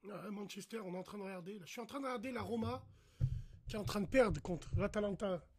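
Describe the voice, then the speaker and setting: A man's voice: high voice, fast, husky. A man doing a casual livestream rant. He talks straight to his viewers, swears a lot and gets worked up. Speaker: live streamer.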